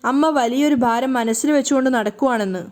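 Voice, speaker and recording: Woman voicing a caring, inquisitive young daughter, high-pitched. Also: fast talker, a little mellow, lightly acted.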